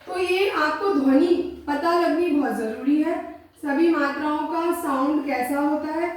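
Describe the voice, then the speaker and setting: High-voiced woman teaching in an echoey room. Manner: patient, repeats sounds slowly and checks in often. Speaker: Hindi teacher. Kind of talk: classroom-style explanation. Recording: roomy echo, voice from a distance.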